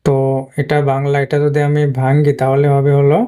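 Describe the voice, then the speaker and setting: A man explains a lesson slowly, stopping often and repeating words as he points things out. His voice is smooth and mellow. His pitch stays flat and even the whole time. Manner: slow, halting, repeats words while pointing at the board. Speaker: English teacher.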